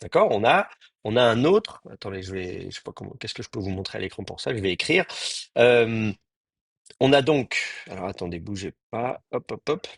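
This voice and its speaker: A man teaching an online Hebrew class, talking in a halting way with many fillers and restarts, and sounding out Hebrew words slowly. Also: fairly low pitch, expressive, vocal fry, slightly rough, dry recording, clean studio sound.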